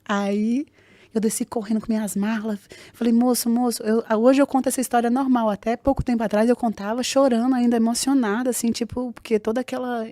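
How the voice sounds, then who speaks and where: A woman, telling a personal story as a podcast guest, acting out the dialogue. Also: on the high side. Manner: animated, acts out dialogue in quick voices. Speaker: guest, jiu-jitsu fighter.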